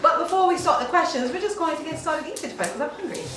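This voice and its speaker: A woman's voice: extremely high pitch, quick pace, very noisy. A young woman hosting a casual mukbang chat with friends, putting on a playful fake English accent and swearing freely. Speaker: YouTube host. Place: room shared with friends, eating at a table. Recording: roomy, distant mic, music behind.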